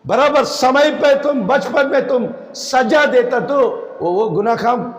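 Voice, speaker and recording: Slow, emphatic high-voiced male preacher. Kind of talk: sermon. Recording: echoey hall, roomy reverb.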